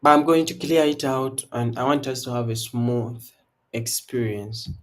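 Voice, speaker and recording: Speaking unhurriedly at a medium pitch, this young man from Uganda runs a laid-back trading livestream indoors, a branded backdrop behind him. His Ugandan accent comes through as he keeps repeating hype calls to his viewers in an easygoing way, with slight background noise in the audio.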